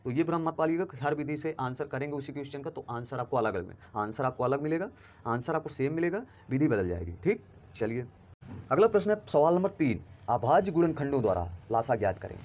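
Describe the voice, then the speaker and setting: A man's voice: mid-range voice, lively intonation, darkish tone. A man teaching a primary school math lesson, explaining steps and often checking if students follow. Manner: quick, explanatory, checks understanding with "clear?".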